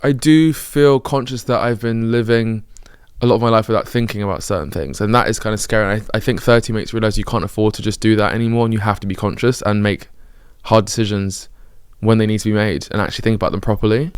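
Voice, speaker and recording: A thirty-year-old British vlogger delivers a reflective personal monologue to camera, rambling candidly and correcting himself. His slightly low voice is smooth and clear, and he talks briskly. The recording is close and dry, with no room sound.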